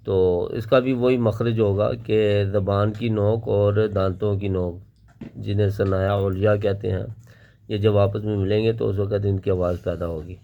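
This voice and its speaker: A man's voice: on the low side, level tone, gravelly, phone-quality sound, a little hiss or hum. A man teaching Quran letter pronunciation, explaining each sound and then drilling it syllable by syllable. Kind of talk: slow step-by-step recitation lesson.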